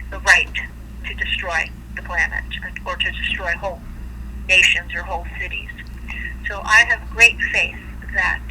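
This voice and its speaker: An older American woman speaking on a telephone from prison, giving an earnest statement in halting, deliberate phrases. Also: mid-range voice, pushed and bright. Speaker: imprisoned peace activist. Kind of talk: earnest spoken statement over the phone. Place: phone call from prison. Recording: noisy, harsh prison telephone line.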